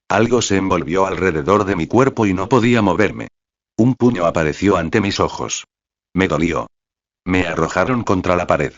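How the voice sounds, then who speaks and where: A man narrating a fan-fiction novel in the first person, in a steady read-aloud manner. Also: sits low, dry recording. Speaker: novel reader. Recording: dry, slightly dull recording.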